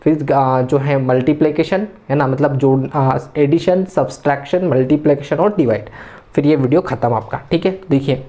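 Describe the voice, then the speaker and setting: A man's voice: medium pitch, moderate pace, dark tone. A man giving a maths lecture, explaining patiently step by step and often adding tag questions. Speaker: maths teacher. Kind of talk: classroom lecture.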